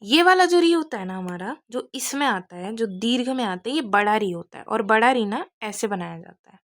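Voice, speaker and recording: A woman's voice: fairly high pitch, lively intonation. A woman teaching a Sanskrit lesson for an exam. She explains step by step, keeps asking whether the students have understood, and corrects her own slips as she goes. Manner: explains step by step, checks understanding with quick questions. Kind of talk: exam-focused classroom lesson.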